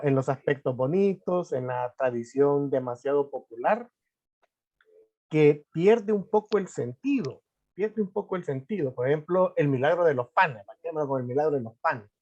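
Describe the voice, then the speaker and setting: A man moderating a panel discussion, speaking in a measured way with restarts. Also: fairly high pitch, a little mellow. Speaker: host. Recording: muffled lo-fi audio.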